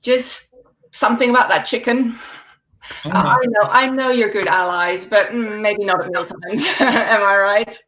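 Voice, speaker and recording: This comedian, a woman in her forties raised Dutch-speaking in the Netherlands, delivers stand-up by video call in a dry, deadpan style with laughing asides. Her medium-pitched voice is a little slow, and the recording is rough.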